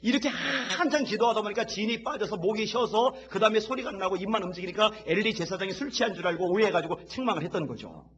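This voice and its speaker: A man preaching a sermon as pastor in a church, leading the congregation to repeat after him and rising from quiet talk to loud, impassioned shouts. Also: high-pitched, expressive, fast, few pauses, highs cut off. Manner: leads the congregation in call-and-repeat. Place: church sanctuary.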